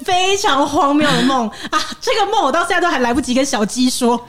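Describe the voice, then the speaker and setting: A woman, hosting a podcast and telling a story in a lively way, often laughing. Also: high voice, brisk. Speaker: podcast host. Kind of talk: casual chat, animated storytelling.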